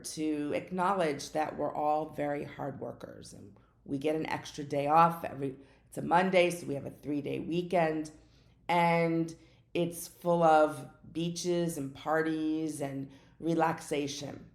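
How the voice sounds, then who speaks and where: A woman's voice: low voice, creaky, a little mellow. An American woman hosting her own podcast, chatting casually and now and then getting tongue-tied and correcting herself. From United States. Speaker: podcast host. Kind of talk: casual solo podcast talk. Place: home in Florida. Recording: echoey room.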